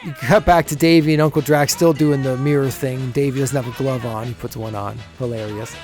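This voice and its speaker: A man's voice: mid-range voice, steady tone, fairly quick, darkish tone, faint music behind. A man co-hosting a podcast, recapping an episode in a casual, chatty way and often chuckling as he goes. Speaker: podcast co-host.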